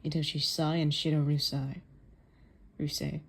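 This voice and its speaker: A woman's voice: sits low, level tone, a little slow, vocal fry, breathy edge, voice pushed down, full character voice. A woman voicing a stern, scheming male football coach who speaks in a cold, blunt, commanding way during a manga reading.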